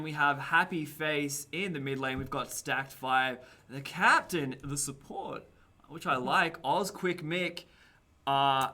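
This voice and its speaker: Aussie esports caster, bright and slightly high, chatty and joking, trips over names. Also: male voice. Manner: chatty, laughs easily, stumbles over names. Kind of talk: live esports commentary.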